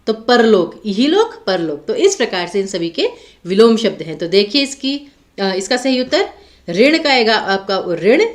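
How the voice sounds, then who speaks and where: In an online grammar lecture for exam preparation, a woman teacher patiently explains the material and poses rhetorical questions to her students. She speaks at a medium pitch.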